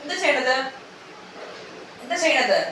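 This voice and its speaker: A woman teaches a preschool class, coaxing the children and repeating each simple word. Her voice is high and bright. It comes from far off in a very echoey classroom. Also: lively intonation, moderate pace, slight background noise. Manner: coaxing, repeating simple words and asking many questions.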